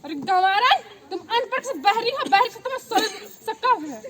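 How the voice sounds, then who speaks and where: A woman's voice: extremely high pitch, lively intonation, moderate pace, heavy background noise. A girl acting in a school stage play as a vain, scolding mother-in-law, bossy and scornful. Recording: loud crowd, outdoor stage.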